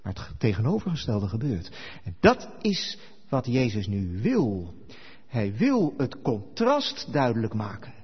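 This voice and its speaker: A man preaching a sermon who tells the story with lively, animated delivery and acts out the quoted dialogue. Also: medium pitch, unhurried, breathy edge. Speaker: pastor. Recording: echoey hall, dull lo-fi sound.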